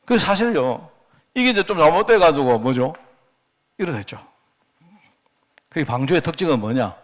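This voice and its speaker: Middle-aged pastor with a lively, swinging voice. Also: male voice, a little high, moderate pace. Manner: conversational storytelling, frequent rhetorical questions. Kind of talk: sermon.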